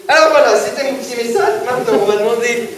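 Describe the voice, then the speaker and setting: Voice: mid-range voice, fast talker, fairly bright tone, a little hiss or hum. A young presenter casually introducing a school theatre scene, rambling, joking and fumbling words. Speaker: show presenter. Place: large theatre stage. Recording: roomy hall from far off.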